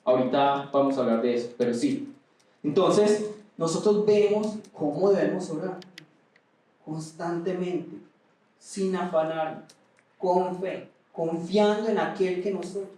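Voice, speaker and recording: Impassioned preacher in echoey hall. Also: male voice, high voice, measured pace. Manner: impassioned preaching, rising to near shouts at times. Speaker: pastor. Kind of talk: sermon. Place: large echoey auditorium. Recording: echoey hall, mic at a distance.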